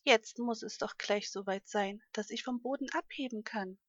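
Storybook role: eager little boy elephant, high and childlike, put on by a woman reader; dry, muffled sound. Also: moderate pace, a bit bright, dry recording. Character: little male elephant calf, eager and tearful.

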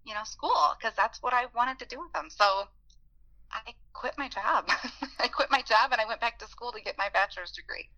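A woman in her forties speaks with a bright, clear tone. She is earnest and enthusiastic as she tells personal stories about becoming a teacher, briefly voicing the people she remembers. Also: a little high, moderate pace, dull audio. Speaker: interviewee, beginning teacher. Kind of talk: heartfelt personal storytelling.

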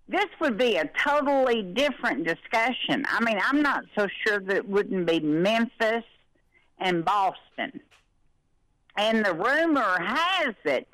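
A woman's voice: on the high side, a bit bright, no echo, low-quality recording. An older woman calling in by phone, a little out of breath, talking in a folksy, rambling way. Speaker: caller.

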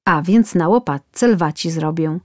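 A stern, stubborn barber who answers flatly, as a woman puts him on. The voice is low and slow, recorded dry and close. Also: dry recording. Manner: dry, matter-of-fact.

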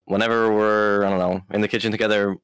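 An eighteen-year-old man answering questions as a guest, hesitant and unsure, filling pauses with "like" and "I don't know". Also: fairly low pitch, level tone, clear, resonant tone, dry recording, studio quality. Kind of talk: casual chat.

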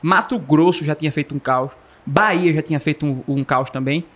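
A man from Pernambuco with a Pernambuco accent, telling a comic story in the first person with playful, animated delivery. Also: a little high, a little fast. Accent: Pernambuco Brazilian Portuguese. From Pernambuco, Brazil. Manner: playful, animated, jokey delivery with acted sound effects. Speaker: storyteller guest.

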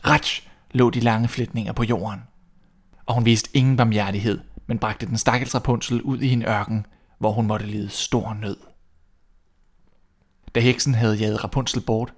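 A man reading a fairy tale aloud as the show's storyteller, in a calm, even way. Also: mid-range voice.

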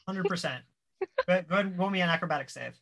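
A game master narrates a tabletop game in a bright, forceful voice. The delivery is casual and halting, with pauses to find the right word. The pitch sits in a middle range. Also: vocal fry.

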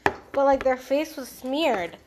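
A young woman talks slowly and loosely, telling a story on a casual podcast. Her voice sits a little high, and she rambles with lots of fillers and the odd swear word. A faint hiss runs underneath. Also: lively intonation. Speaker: podcast co-host.

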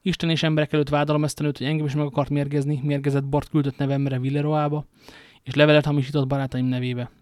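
A man's voice: fairly high pitch, little pitch movement, few pauses, darkish tone, no room sound, close to an everyday voice. Guy reading an earnest young musketeer accusing someone, formal, dry sound.

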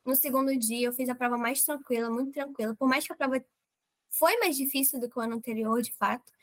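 A young woman from Brazil telling an interviewer, in a casual and animated way, how she was approved, quoting herself and others as she goes. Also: sits high, fast. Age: young adult. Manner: animated, quotes herself and others in lively voices. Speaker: approved medical student guest.

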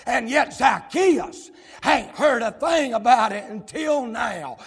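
A folksy Southern US pastor preaches a fiery sermon that swells into shouting. His voice sits high, gravelly and husky. A long reverb from the church sanctuary follows every phrase. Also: animated, slow. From South Carolina, US.

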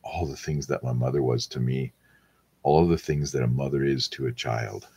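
A man hosting a weekly live rosary podcast from his home, talking in a soft, hesitant, casual way with many pauses and ums. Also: extremely low pitch, steady tone, vocal fry, slight background noise. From Wisconsin, USA. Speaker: podcast host leading the rosary. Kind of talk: casual prayer-show chat.

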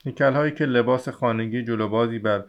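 A man reading a novel aloud as an audiobook narrator in a steady, even voice. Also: mid-range voice. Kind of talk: scripted literary narration. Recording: slightly dull lo-fi audio.

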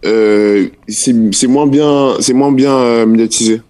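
A teenage basketball player, talking casually in an interview, laid-back and slangy with many fillers. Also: male voice, medium pitch, fairly even intonation, slow, mellow. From France. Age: teens. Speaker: young basketball player guest.

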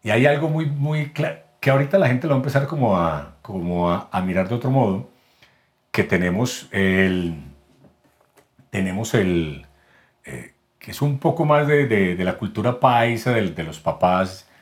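A man with a paisa accent from Medellín speaks as a podcast guest, explaining things at length in a somewhat low voice. He often restarts his sentences and repeats words while he searches for the right phrasing. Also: expressive, moderate pace. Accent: Colombian paisa (Medellín). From Medellín, Colombia. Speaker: guest voice actor and announcer. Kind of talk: casual podcast interview.

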